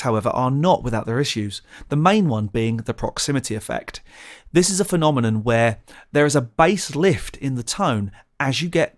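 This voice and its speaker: Man, mid pitch, methodical tutorial presenter, close studio mic. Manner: clear, methodical explaining. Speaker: presenter of a gear channel. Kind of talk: scripted tutorial narration. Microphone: studio condenser mic, close.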